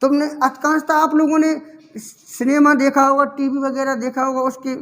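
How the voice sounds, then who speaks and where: A man with a very high-pitched, fairly bright voice lectures on English grammar in a monotone at a moderate pace. He fires repeated questions at the class, answers them himself, and fondly calls each student "child."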